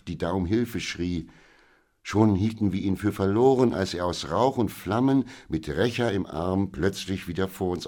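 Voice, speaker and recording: A man reading an audiobook, voicing an excitable, agitated female housekeeper who pleads in a raised voice. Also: deep voice. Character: excitable female housekeeper companion, middle-aged.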